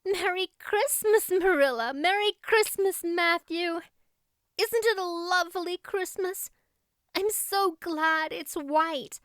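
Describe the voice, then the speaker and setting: A woman voicing an excitable, gushing young orphan girl from a storybook, exclaiming with wonder. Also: extremely high pitch, slow, no echo, studio quality, pitched above the performer's own voice, full character voice. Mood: joyful, excited.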